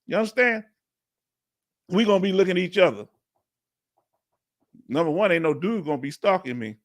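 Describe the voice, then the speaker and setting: A middle-aged man with a Houston, Texas accent chats casually with viewers on a live Q&A stream. He talks in a relaxed, rambling way and laughs easily, and his voice sits a bit higher than most men's. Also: moderate pace. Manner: laid-back, chatty, laughs often. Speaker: livestream host.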